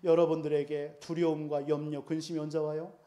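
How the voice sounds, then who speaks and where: A man's voice: on the high side, little pitch movement, a little fast, mellow, dull audio. A male pastor preaching a sermon emphatically, often putting rhetorical questions to the congregation.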